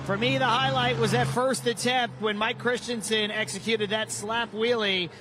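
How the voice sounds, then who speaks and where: A man's voice: sits high, fairly even intonation. A man working as an event announcer, giving hyped live arena commentary at a motorsport show. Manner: hyped, drawn-out shouted driver introductions. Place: outdoor stadium. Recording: loud outdoor stadium with engine noise.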